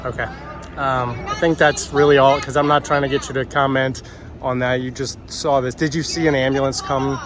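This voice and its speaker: A man's voice: mid-range voice, flat delivery, normal speed, background noise. A man conducting an informal field interview on the street, asking questions in casual, loose phrasing. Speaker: interviewer, reporter. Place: outdoors on a city street.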